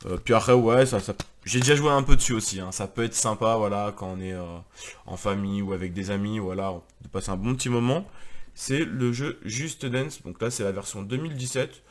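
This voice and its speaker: A man's voice: lowish voice, a little fast. A man, married with a daughter, chatting casually and rambling with many fillers as he presents his video game collection. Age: adult, married with a daughter.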